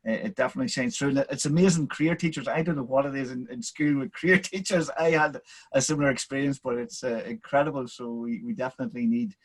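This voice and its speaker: A man's voice: mid-range voice, quick pace. A man hosting an interview over a video call, enthusiastic and stumbling over his words with repeated starts. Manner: enthusiastic, stammering restarts. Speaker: host.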